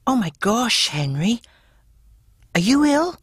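A woman voicing a cheerful, helpful young male octopus in a cartoon, friendly and eager with a bright boyish voice. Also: a little high, sing-song, slow, slight background noise. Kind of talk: cartoon voice acting.

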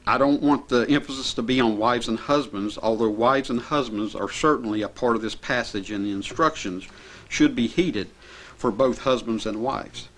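A middle-aged man delivers a sermon from behind a pulpit microphone in a small chapel. He reads scripture passages in an earnest, steady manner and explains them at an even, measured pace. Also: medium pitch. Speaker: preacher. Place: small church chapel indoors. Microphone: pulpit mic.

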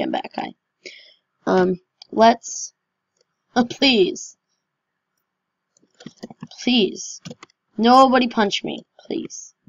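A woman's voice: fairly high pitch, dry recording, muffled recording. A woman giving casual, chatty and self-mocking commentary over her own gameplay as a gaming channel host.

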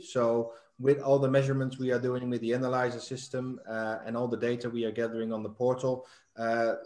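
A middle-aged man hosts a live online talk show from a webcam, speaking in a flat, even tone. His voice carries a roomy echo, and he leans on fillers and repeated words as he explains. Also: mid-range voice. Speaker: host. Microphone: webcam on video call.

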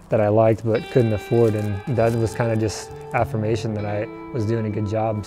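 A man in his thirties, a furniture maker and company founder, telling his own story to camera in a relaxed, reflective way, with fillers and restarts, standing outdoors in front of a building. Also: lowish voice.

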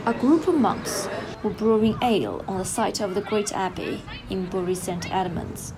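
A woman reading a scripted documentary voice-over in a careful, steady way. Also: mid-range voice, normal speed, crowd noise. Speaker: narrator. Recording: voice-over with loud background noise.

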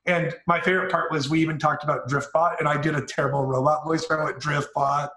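A man with a somewhat high voice tells an eager business story in a relaxed interview, with casual fillers. He speaks over a video call, and the room around him adds a clear echo. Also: quick pace. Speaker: interview guest, marketing executive.

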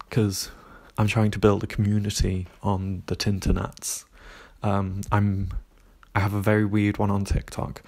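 Slow, gravelly man rambling. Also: on the low side, a little mellow. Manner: rambling, frequent "like" and "um". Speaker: vlogger. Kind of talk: casual rambling vlog chat. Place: woodland path outdoors, walking.

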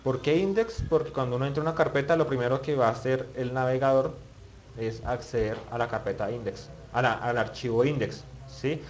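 A man's voice: mid-range voice, brisk, highs cut off, slight background noise. Man muttering through a coding tutorial. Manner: thinks aloud, mutters while clicking, many restarts. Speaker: web development instructor. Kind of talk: screen-recorded coding tutorial.

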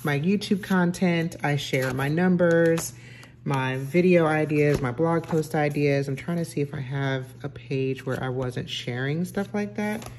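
Woman, middle-aged, low voice, casual home vlog, chatty, lots of ums. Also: a little slow, darkish tone, slight background noise. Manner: chatty, self-correcting, many fillers. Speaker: lifestyle vlogger. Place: home dining room, indoors.

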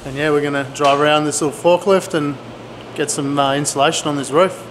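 Fairly high-pitched and fairly bright, this middle-aged vlogger talks fairly quickly with fairly even intonation. He's a DIY builder chatting casually and slangily to a handheld camera, its mic at arm's length, in an echoey pole barn workshop with noticeable background noise.

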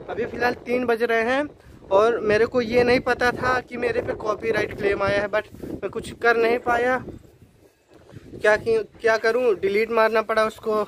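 A young man chatting casually to his vlog viewers, complaining and calling them guys. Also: high-pitched. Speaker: vlogger. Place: outdoors on a windy day. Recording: outdoor wind noise.

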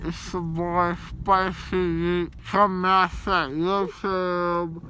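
A man's voice: high voice, little pitch movement, drawn-out words, bright, forceful tone. A young man rambling loopily and disjointedly in a casual vlog, groggy, with mumbly, slurred speech. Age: young adult. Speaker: vlogger. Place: inside a moving car. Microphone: phone at arm's length. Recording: noisy car interior phone recording. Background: car and road noise.

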